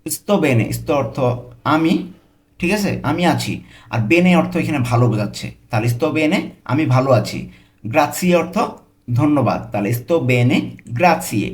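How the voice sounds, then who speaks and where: A young man teaching a beginner language lesson, patient and repetitive, slowing down to spell out each new word. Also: a little high.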